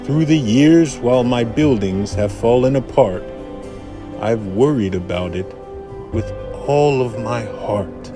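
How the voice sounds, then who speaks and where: A man's voice: mid-range voice, takes it slowly, natural voice. A man voicing an old industrialist hermit in a rhyming storybook, dramatic and emphatic, lingering on words. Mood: regretful. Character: old, regretful, defiant industrialist hermit, the Once-ler. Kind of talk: rhyming children's storybook read-aloud. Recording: music and sound effects behind the voice.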